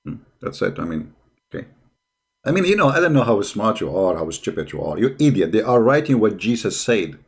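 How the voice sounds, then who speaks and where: This man's voice sits on the low side and is very animated, fairly quick, creaky and husky. A non-native English speaker, he hosts a religious debate channel and delivers mocking reaction commentary. His style is sarcastic and combative, and he keeps repeating rhetorical questions.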